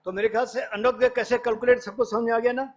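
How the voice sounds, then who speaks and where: High-voiced man lecturing, lo-fi. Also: level tone, fast. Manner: explains patiently, quotes Sanskrit verses, mixes in English words. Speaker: professor lecturing on astrology. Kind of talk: academic lecture. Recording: dull lo-fi lecture recording.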